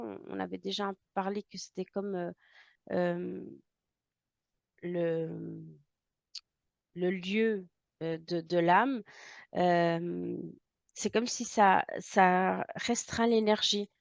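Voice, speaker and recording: French woman, slow halting talk full of fillers, dry close sound. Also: medium pitch, steady tone, creaky, dry recording, highs cut off. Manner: halting, searching for words, many fillers. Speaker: intuitive medium. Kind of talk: hesitant channeled description.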